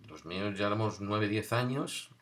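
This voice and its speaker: A man's voice: fairly low pitch, normal speed, fairly bright tone. A middle-aged man, telling a wry, conversational story from his childhood and briefly acting out the voices he quotes. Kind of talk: spoken personal recollection.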